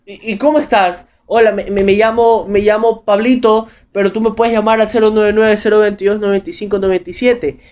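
A cocky drunk young man strutting toward a group of women and rambling boastful pickup lines, put on by a man. The voice sits high. The recording is dull and lo-fi. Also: fairly even intonation, fairly quick, few pauses, darkish tone, lightly acted.

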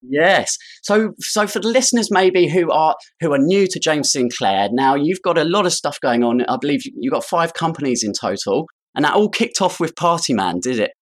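A man's voice: a little high, animated, normal speed, hardly any pauses. A man hosting a podcast, introducing and interviewing a guest. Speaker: podcast host.

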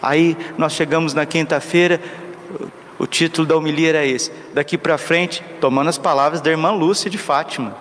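Preaching priest in a reverberant church. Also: male voice, fairly high pitch, fairly even intonation, normal speed, fairly bright tone. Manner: storytelling, with rhetorical questions to the congregation. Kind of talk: homily. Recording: long reverb with faint background noise.

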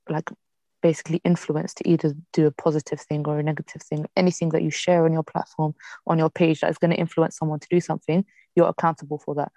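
A woman from Morocco who works as a teacher, co-hosting a podcast and telling a story in casual chat, animated and acting out the people she quotes. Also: low-pitched, no room sound.

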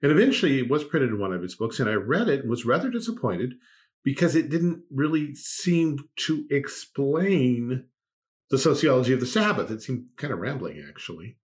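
A man co-hosting a conversational podcast, speaking at a mid pitch. He slips into dry sarcasm, laughs in the middle of his sentences and often restarts his thoughts. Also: big pitch swings, normal speed. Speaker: podcast co-host. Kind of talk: casual podcast discussion.

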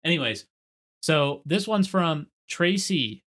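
Podcast co-host: man, young, bright tone, vocal fry, casual and slangy. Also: on the high side, lively intonation, takes it slowly. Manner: loose, slangy.

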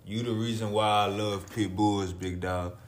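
A man's voice: on the low side, fairly even intonation, unhurried, slight background noise. A man talking casually as a podcast co-host, using street slang in short, declarative phrases. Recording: echoey room.

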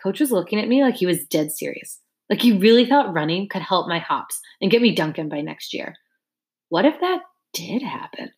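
A woman's voice: medium pitch, very animated, normal speed, a little mellow. A woman reading a first-person audiobook narration in a casual, wry, conversational way.

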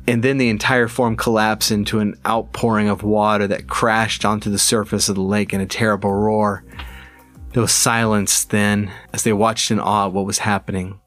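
Measured male audiobook narrator. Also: lowish voice, fairly bright tone. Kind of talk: scripted fantasy narration.

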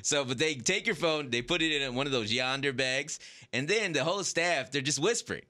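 Male podcast host, casual storyteller, lively pitch, bright tone, laughs a lot. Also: fairly quick. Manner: animated, laughs often, acts out whispers.

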